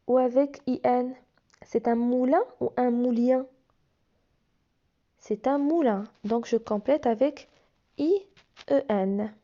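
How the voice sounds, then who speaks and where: With a high, warm voice, a woman teaches young children phonics, patiently working through workbook exercises letter by letter and sound by sound. The recording has its high frequencies cut off.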